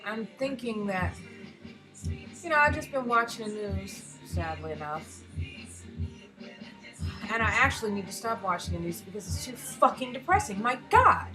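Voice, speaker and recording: A woman's voice: mid-range voice, big pitch swings, moderate pace, long pauses, over music, poor audio. An American woman in a casual personal rant, speaking frankly with heavy swearing and emphatic rhetorical questions. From United States. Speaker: vlogger, self-described erotic artist.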